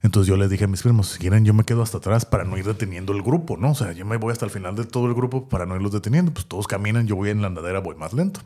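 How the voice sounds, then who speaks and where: Fast-talking man telling a story. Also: on the low side. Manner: animated, laughing anecdote-telling with voiced impressions. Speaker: podcast co-host. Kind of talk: casual storytelling chat.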